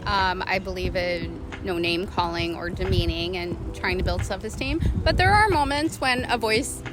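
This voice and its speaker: A woman's voice: lowish voice, normal speed, music in the background. A woman in her fifties, a mother, answering interview questions thoughtfully. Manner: thoughtful, hedging. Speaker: interviewed parent.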